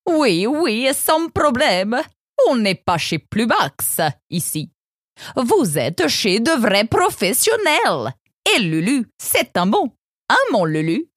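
A woman voicing a smooth-talking male shopkeeper in a storybook, salesy and playful, sprinkling in foreign words. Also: on the high side, sing-song, slow pace, dry recording, studio quality, exaggerated voice. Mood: cheery salesman. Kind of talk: audiobook character voice.

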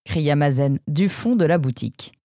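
A woman narrating a children's audiobook in a gentle storytelling manner. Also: deep voice, moderate pace, dry recording, studio quality.

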